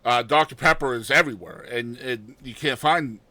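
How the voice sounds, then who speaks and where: A man's voice: medium pitch, moderate pace, bright, forceful tone, dry recording. A middle-aged man from Massachusetts hosting a podcast interview, chatty and jokey, laughing often. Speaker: podcast host. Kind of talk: casual interview chat.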